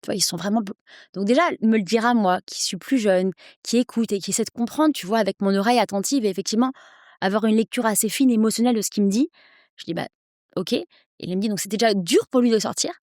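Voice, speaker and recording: A woman in her thirties, an English coach, speaking persuasively as a podcast guest, with energetic quick bursts. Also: mid-range voice, no room sound, clean studio sound. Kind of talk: podcast interview.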